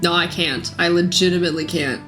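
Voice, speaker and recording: A woman streaming her playthrough of a video game, chatting casually and joking at herself, with a voice a little rough from being sick. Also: lowish voice, steady tone, brisk, bright, forceful tone, faint music behind. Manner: chatty, self-mocking, laughs often. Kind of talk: casual let's-play commentary.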